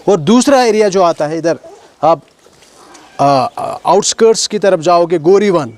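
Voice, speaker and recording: A man with a high, darkish, animated voice and a Kashmiri accent guides schoolchildren around a stone heritage site outdoors. He explains the place names, often quizzes the kids, and mixes English into his speech.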